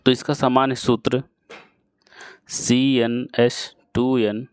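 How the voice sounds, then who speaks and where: A man teaching a chemistry lesson to students, explaining slowly and repeating key phrases as he addresses the class directly. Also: medium pitch, level tone, clean tone, no echo, clean studio sound. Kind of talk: classroom lecture.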